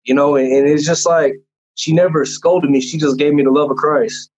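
A man's voice: on the high side, fairly even intonation, normal speed, a little mellow, breathy edge. A young man tells his personal testimony in a casual chat, in an earnest, rambling way with many fillers and restarts. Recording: dull lo-fi sound.

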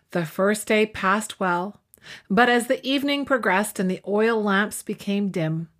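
A woman's voice: mid-range voice, fairly bright tone. A woman who hosts an inspirational radio show and works as a life coach, talking in an upbeat, conversational way. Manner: upbeat, conversational, reads a joke aloud.

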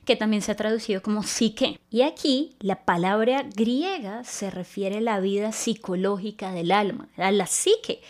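A woman delivering a teaching sermon with a slightly high voice. She talks earnestly and explains things step by step. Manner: earnest, explanatory, walks through Greek word meanings. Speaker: preacher.

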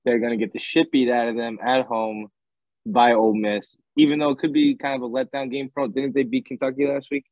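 A man's voice: mid-range voice, animated, brisk, gravelly, no echo, phone-quality sound. A man on a casual college football betting podcast, laid-back and rambling as he explains his picks. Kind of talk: casual sports betting chat.

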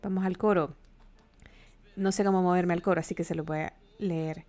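A woman's voice: fairly low pitch, fairly even intonation, normal speed, warm tone, soft background music. A woman with a Mexican accent chatting casually on a livestream, joking with her viewers and laughing often.

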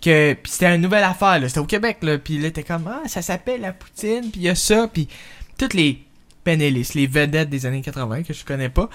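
A Québécois man co-hosting a comedy podcast in a fairly high voice. He rambles and restarts his sentences, tossing in quick asides between thoughts. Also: a bit bright. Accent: Québécois French. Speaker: podcast co-host. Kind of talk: casual comedy podcast chat.

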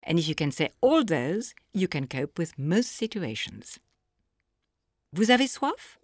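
A woman narrating a scripted audio language lesson, explaining phrases slowly and clearly for the listener to repeat. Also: low-pitched, sing-song, a little mellow, no echo, studio quality. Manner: slow, clear teaching delivery with pauses for repetition.

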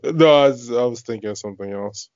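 A man's voice: medium pitch, fast talker, a little mellow, dry recording. A man chatting casually while watching a TV show, joking around with crude banter. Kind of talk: casual chat. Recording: dull lo-fi dry sound.

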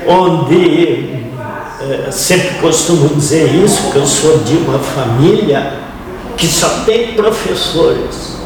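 A slow-speaking man from Rio Grande do Sul, with that southern Brazilian accent, reminisces in a halting, reflective way. His slightly high voice rings in a big echoey hall. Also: noisy background. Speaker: interview guest, family farmer. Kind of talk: reflective storytelling in an interview. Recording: very echoey hall, distant mic, crowd murmur.

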